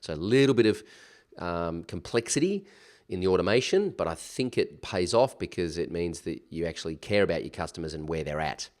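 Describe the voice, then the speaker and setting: A man with a low-pitched voice walks through a software task in a casual, chatty way. He sounds stuffed up from a cold, with a nasal, pinched-nose tone. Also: lively intonation, fairly quick. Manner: chatty, informal, with slangy asides. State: recovering from a cold. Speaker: software tutorial instructor. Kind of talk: casual screen-share tutorial.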